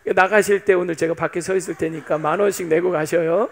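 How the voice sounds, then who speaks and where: High gravelly-voiced man preaching. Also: fairly even intonation, a little fast, slight background noise. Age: 50s. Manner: chatty, playful, teasing the congregation. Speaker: pastor. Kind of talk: sermon.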